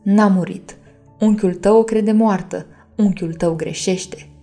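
A woman doing a slow, eerie madwoman. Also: mid-range voice, steady tone, faint music behind, natural voice. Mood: brooding. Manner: very slow, deliberate, hushed. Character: mad old witch-like woman, eerie and brooding. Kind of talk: storybook reading.

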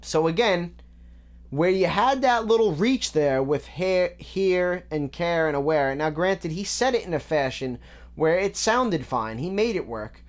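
Man, slightly high voice, casual lyric breakdown, methodical, halting with ums. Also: expressive. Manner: analytical, methodical, frequent ums and restarts. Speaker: music reaction host.

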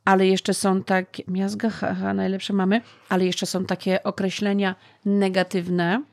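A woman co-hosting a casual chat, chatty and lively. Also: medium pitch, a little slow, gravelly.

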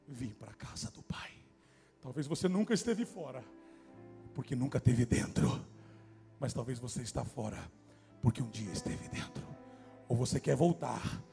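A man's voice: medium pitch, vocal fry, dark tone. A male preacher giving a fervent sermon at a church service and calling out to the congregation.

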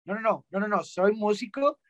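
A young man from Monterrey, telling stories as a guest in a casual, slangy, animated way with lots of restarts. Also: high voice, moderate pace, no echo. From Monterrey, Mexico. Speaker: guest singer-songwriter. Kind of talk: casual interview chat.

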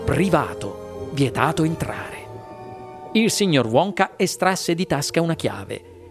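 Animated high-voiced male storyteller. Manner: animated, expressive reading with voiced exclamations. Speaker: audiobook narrator. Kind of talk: scripted storybook narration.

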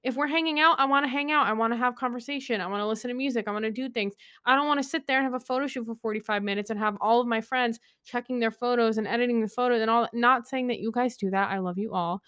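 A woman's voice: fairly high pitch, fairly even intonation, quick pace, hardly any pauses, a bit bright, smooth. A woman in her twenties hosting a solo podcast, rambling through opinions in a chatty, candid way with lots of fillers. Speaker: podcast host.

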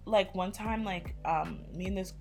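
A woman's voice: medium pitch, a little slow, vocal fry, soft background music. A young woman in her twenties from Canada, hosting a casual chat and telling stories with lots of fillers. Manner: animated storytelling with lots of fillers.

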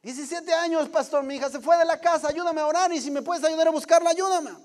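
A man's voice: very high voice, steady tone, quick pace, pitched above the performer's own voice. A man voicing a desperate father who urgently begs his pastor for help. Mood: pleading. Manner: urgent, pleading.

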